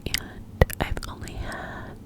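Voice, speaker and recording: A woman hosting an ASMR ramble in a breathy, cupped-hand whisper, lingering on and repeating words. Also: slow. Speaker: ASMR host.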